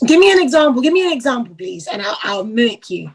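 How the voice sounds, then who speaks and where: Woman from the UK, co-host, husky and fairly high, teasing. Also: quick pace, low-quality recording. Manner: teasing, animated. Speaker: podcast co-host. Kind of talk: casual chat.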